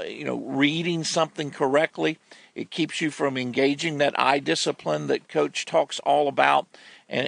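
A man's voice: on the high side, creaky, a bit bright, dry recording. A man co-hosting a sports talk show, analysing a football team's play with emphatic, repetitive stresses. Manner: emphatic, repeats words when stressing a point.

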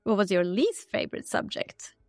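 A woman's voice: medium pitch, big pitch swings, moderate pace, darkish tone, no echo, studio quality, faint music behind. A woman hosting an interview, reading out scripted questions in an upbeat, structured way. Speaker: interview host.

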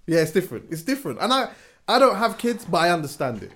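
A young man, co-hosting a podcast in casual chat, telling animated stories and dropping to quiet asides. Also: high voice, fast talker, slight background noise. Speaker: podcast co-host.

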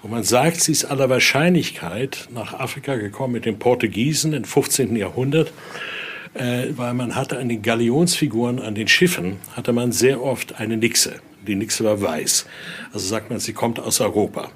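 Here an older man, a museum guide and interviewee, speaks at a moderate pace with a medium pitch. He explains and recounts stories in spontaneous tour-guide fashion, regularly adding small question tags. The recording, made in an indoor exhibition room, carries clearly noisy room ambience.

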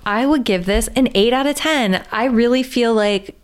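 A woman's voice: fairly high pitch, moderate pace, smooth. A woman co-hosting a podcast, chatting casually about food in an upbeat way and laughing easily. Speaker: podcast co-host. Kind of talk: casual food review chat.

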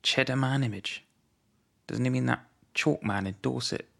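A male podcast host trades dry, wry banter. His voice has a gravelly texture with a bright, tense edge. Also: mid-range voice, normal speed.

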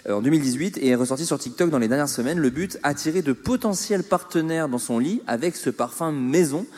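A man hosting a relaxed group podcast in a teasing, playful manner. His voice sits a little high and swings widely in pitch. The room around him carries a long reverb. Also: brisk. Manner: playful, teasing quiz-master. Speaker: podcast host. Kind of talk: casual chat among friends.

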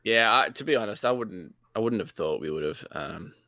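A man's voice: lowish voice, expressive, normal speed, sharp tone, no room sound, studio quality. A man chatting casually as a podcast co-host. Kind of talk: casual chat.

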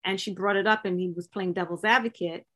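A woman's voice: medium pitch, quick pace. A woman co-hosting a podcast, talking earnestly in a casual discussion with frequent restarts. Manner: earnest, hesitant restarts, animated emphasis. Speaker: podcast co-host.

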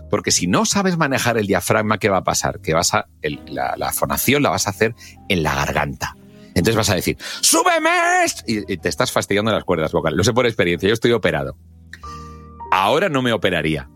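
A middle-aged man from with a radio broadcaster's voice, explaining speaking skills in an interview and acting out the lines he quotes. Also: lowish voice. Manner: expressive, acts out shouts and quoted lines. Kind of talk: podcast interview, animated explaining.

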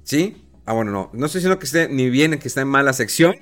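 A man's voice: mid-range voice, lively intonation, quick pace, fairly bright tone, soft background music. A man with a Mexican accent, talking casually and animatedly with slang, mocking other people in put-on voices. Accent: Mexican Spanish. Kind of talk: casual opinion chat.

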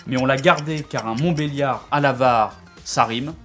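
A man hosts a casual sports podcast, introducing his guests with playful jokes and plenty of hesitations. His voice sits at a middle pitch, and faint music plays behind him. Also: normal speed, fairly bright tone. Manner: jokey, teasing introductions with frequent fillers. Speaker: podcast host.

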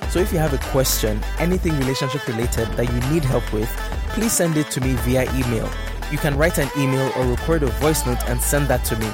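A male podcast host delivers a solo monologue of relationship advice and recommendations, speaking conversationally and emphatically and repeating words for stress. His voice is medium-pitched and fairly quick, with music in the background.

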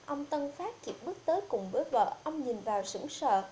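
High-voiced woman narrating a horror story. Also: expressive, normal speed, mellow, a little hiss or hum. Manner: reads every character herself, little change of voice.

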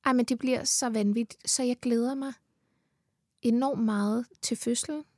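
A heavily pregnant Danish woman chats casually as a podcast guest, enthusiastic and laughing often while swearing freely. Her voice is on the high side, steady and a little mellow, recorded on a studio mic in studio quality with no echo.

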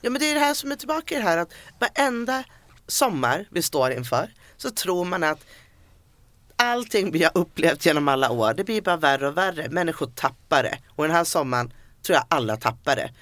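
A woman's voice: low-pitched, sing-song, fairly bright tone, dry recording. A woman co-hosting a casual podcast, musing in long run-on thoughts. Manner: chatty, reflective, talks in long run-on thoughts. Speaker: podcast co-host.

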